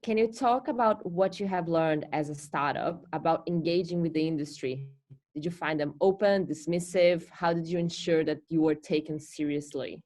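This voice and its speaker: A woman's voice: low-pitched, moderate pace, a little mellow. A woman interviewer asking questions and giving brief, encouraging replies.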